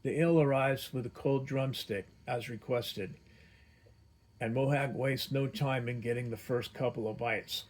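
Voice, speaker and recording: Husky-voiced male fantasy narrator. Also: medium pitch, fairly even intonation. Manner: measured storytelling, voices all characters. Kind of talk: scripted narration of a fantasy story.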